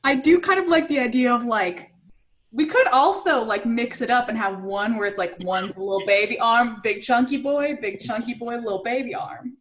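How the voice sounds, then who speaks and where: A woman's voice: on the high side, moderate pace, fairly bright tone. A woman in casual chat on a video call, joking and rambling, laughing often. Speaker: robot team member.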